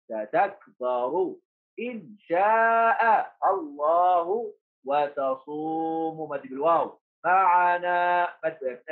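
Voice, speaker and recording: A man's voice: a little high, phone-quality sound. A male primary school teacher giving a remote lesson to children, repeating key points and asking and answering his own questions. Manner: addresses pupils as heroes, coaxing.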